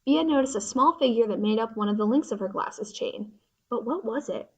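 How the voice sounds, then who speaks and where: Expressive woman reading a storybook. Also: fairly high pitch, fairly quick, husky. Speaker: narrator. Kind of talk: scripted storybook narration.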